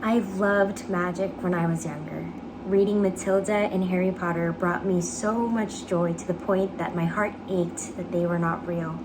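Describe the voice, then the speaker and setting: A young woman giving an earnest, measured dramatic reading of a personal essay, phrasing it carefully. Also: fairly low pitch, fairly even intonation. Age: young adult. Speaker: actor reading own application essay. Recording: clearly noisy background ambience.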